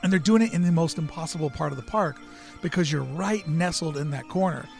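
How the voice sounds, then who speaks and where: A man's voice: on the high side, fairly quick, gravelly, faint music behind. A man hosting a show, speaking as a commentator and interviewer. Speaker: show host. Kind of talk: scripted commentary and casual interview chat.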